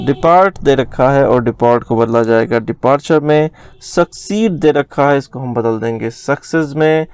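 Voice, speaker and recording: A young man teaching grammar in a recorded lesson, slowly spelling out words letter by letter. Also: mid-range voice, darkish tone, smooth, no room sound.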